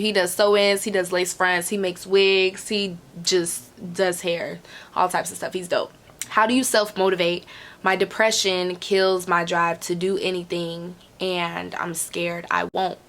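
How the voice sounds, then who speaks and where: A woman's voice: fairly low pitch, steady tone, measured pace, a bit bright. A woman answering viewer questions in a casual, candid way, repeating phrases for emphasis and swearing freely. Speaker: host of a Q&A.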